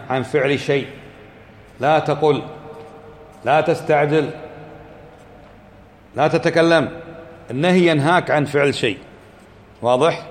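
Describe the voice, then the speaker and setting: A man teaching a class as a religious teacher, questioning students, repeating points and chanting quoted verses. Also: fairly high pitch. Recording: echoey hall with faint ambience.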